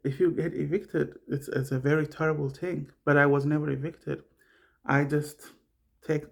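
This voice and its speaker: A man's voice: on the high side, vocal fry, a little mellow. A middle-aged man from Somalia talking casually about his own experience, rambling and repeating himself as he searches for words. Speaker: vlogger sharing personal experience. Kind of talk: casual personal monologue.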